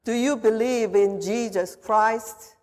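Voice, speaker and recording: A woman pastor leading a confirmation service in a formal, measured liturgical manner, her voice carrying a long cathedral-like echo. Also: fairly high pitch, a little mellow. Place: church sanctuary. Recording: voice in a reverberant church.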